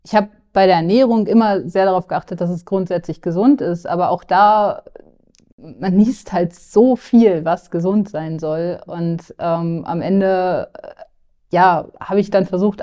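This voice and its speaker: A woman's voice: on the low side, warm tone. A young woman from northern Germany, speaking candidly as a client in a podcast interview, with filler sounds and restarts. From Lower Saxony, Germany.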